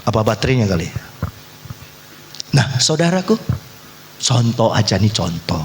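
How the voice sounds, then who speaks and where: A male pastor preaching a lively sermon in a church, acting out quoted voices and teasing the congregation. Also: fairly low pitch, measured pace, gravelly, a little hiss or hum. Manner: animated, acts out quoted voices, teases the congregation. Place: church hall. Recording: echoey church hall.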